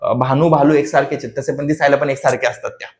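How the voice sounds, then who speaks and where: A man's voice: mid-range voice, fairly even intonation, fast. A young man teaching an exam-prep grammar lesson in a casual, chatty way, with joking, self-mocking asides. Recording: echoey room.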